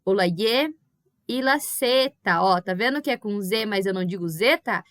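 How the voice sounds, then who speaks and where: A woman's voice: mid-range voice, animated, normal speed, fairly bright tone, dry recording, clean studio sound. A woman with a Brazilian Portuguese accent giving a patient recorded Spanish review lesson to her pupils, checking in often with the class. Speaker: Spanish teacher.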